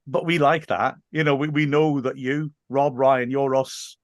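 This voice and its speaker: A man chatting casually as an interviewer and football fan, earnest and a little halting in how he puts things. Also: medium pitch, steady tone, no echo, clean studio sound. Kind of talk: casual conversation.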